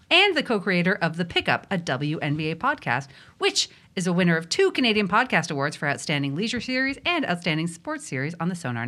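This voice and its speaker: A woman co-hosting a podcast, joking and teasing in casual chat. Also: on the low side. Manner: joking, teasing, lively delivery. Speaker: podcast co-host.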